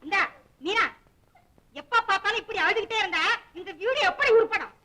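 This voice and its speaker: An actress playing a discontented, sharp-tongued young wife in a 1950s film drama, complaining bitterly and sarcastically. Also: female voice, very high voice, moderate pace, poor audio. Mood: scolding.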